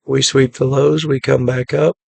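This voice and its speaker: A day trading channel host walks through a casual screen-share trade recap in a relaxed, matter-of-fact way at normal speed. His middle-pitched voice is deeply gravelly and hoarse, worn down by a cough, and stays in a flat, even monotone. The sound is close and dry, with no room sound.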